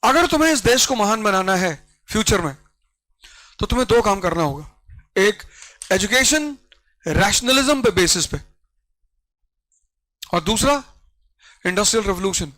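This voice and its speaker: A man teaching a history class, animated and urging his students, dropping English phrases into his talk. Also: high voice, normal speed, pauses often, low-quality recording.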